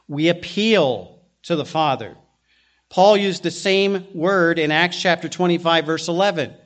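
A middle-aged male pastor giving an earnest expository sermon, with frequent restarts as he works through the text. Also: on the high side.

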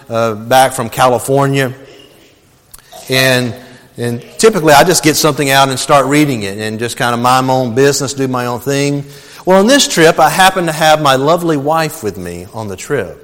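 A man's voice: medium pitch, moderate pace, a bit bright, long reverb tail. A male pastor preaching a sermon, telling a personal story earnestly and calling his listeners beloved.

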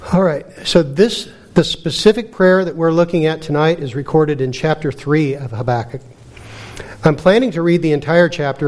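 A middle-aged man with a creaky voice, teaching and praying in a sermon in an earnest, measured way. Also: on the high side, darkish tone. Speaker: preacher.

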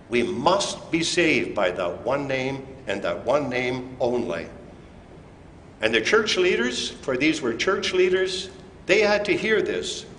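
Slow, deliberate preacher in an echoey church. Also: male voice, fairly high pitch, fairly bright tone. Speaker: pastor. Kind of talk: communion sermon. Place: church sanctuary. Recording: echoey church hall with faint room noise.

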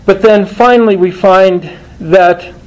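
A man preaching a sermon to a congregation, deliberate and emphatic, often restarting phrases and stressing single words. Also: sits high, darkish tone, poor audio. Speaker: pastor.

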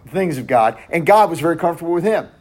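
A man leading a Bible study in a loose conversational way, often restarting and correcting himself, sometimes dropping his voice to a near hush. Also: on the high side, lively intonation, fast.

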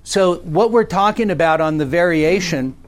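A middle-aged man, a pastor, teaching a small class about preaching in a meeting room, talking conversationally and often checking in with the group. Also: moderate pace. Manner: conversational, checks in with frequent "okay?" and "right?"; varies pitch and pace for emphasis.

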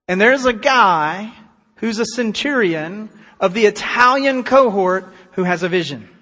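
Emphatic high-voiced male preacher, hall reverb. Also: fairly bright tone. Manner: emphatic, slows down on key words; reads scripture aloud then comments. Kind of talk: sermon.

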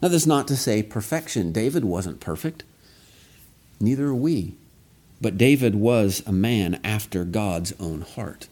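A man preaching an expository sermon in a measured, earnest way, reading scripture and stressing key phrases. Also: on the low side, lively intonation, a little mellow.

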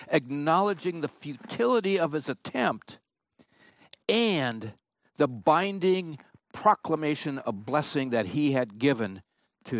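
A man preaching a sermon, reading and explaining scripture in a slow, emphatic way. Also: medium pitch, no echo, studio quality. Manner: slow, emphatic Bible exposition.

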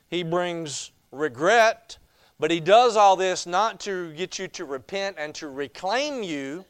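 Folksy preacher, crisp dry voice. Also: male voice, a little high, no echo. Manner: folksy storytelling. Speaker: pastor. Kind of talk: Bible study teaching. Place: church.

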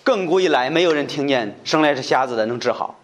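A man's voice: mid-range voice, expressive, quick pace, natural voice. A preacher acting out the healed blind man. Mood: indignant questioning. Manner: indignant rhetorical questioning. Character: man born blind, now healed, boldly challenging.

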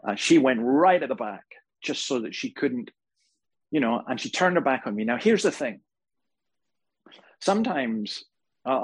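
A man preaching a sermon to a congregation, telling stories with humor and animated emphasis. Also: mid-range voice, breathy edge, low-quality recording. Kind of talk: sermon with storytelling. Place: church hall before a live congregation.

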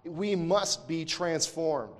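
A man's voice: fairly high pitch, slow. Man teaching scripture, reverberant. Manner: reads verses aloud, then explains with emphatic repetition; self-correcting, thinking aloud. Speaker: Bible teacher. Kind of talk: scripture lesson.

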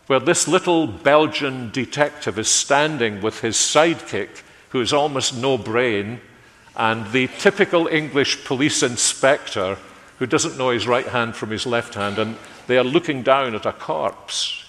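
A man preaching a sermon in a measured way, letting his phrases fall away quietly at their ends. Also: mid-range voice. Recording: long hall reverb.

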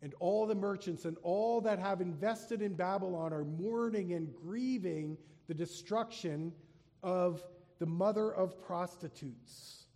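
A man preaching a sermon, reading scripture aloud with rising emphasis and slowing down on key phrases. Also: high voice, dark tone, big-room sound. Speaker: pastor.

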